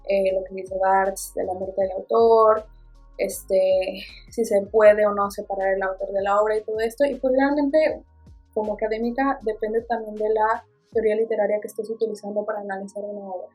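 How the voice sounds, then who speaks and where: A woman's voice: medium pitch, little pitch movement, moderate pace, darkish tone, breathy edge, faint music behind. A woman with a Mexican accent, a book vlogger chatting casually and expressively about her reading, with playful asides. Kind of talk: casual book review chat.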